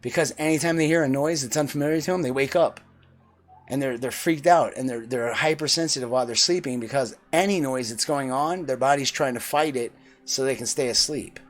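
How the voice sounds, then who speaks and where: A man's voice: mid-range voice, a little fast, faint music behind. A man in his forties giving a blunt, profane, preachy monologue. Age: 40s. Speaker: vlogger. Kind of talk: opinionated monologue.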